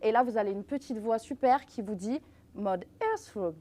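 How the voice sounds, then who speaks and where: A woman with a slightly high voice gives a live product demonstration. She speaks as a brand representative, explaining features step by step and addressing the audience directly. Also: brisk, mellow. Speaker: brand representative presenting earbuds.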